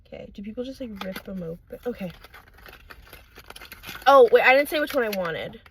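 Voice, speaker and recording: High-voiced excitable young woman, casual unboxing chat. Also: normal speed, background noise. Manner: excitable, gushing, with exclamations. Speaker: unboxing vlogger.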